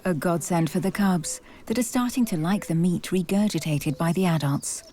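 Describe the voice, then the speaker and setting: A woman's voice: on the low side, moderate pace, mellow, a little hiss or hum. A woman reading scripted narration for a wildlife documentary.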